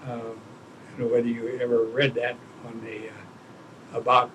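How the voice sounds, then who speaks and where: Male, around eighty, old veteran recalling his past in an interview, searching for words, slight background rumble. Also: monotone, moderate pace, a bit bright, rough recording. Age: older, around 80. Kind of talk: oral history interview, reminiscing.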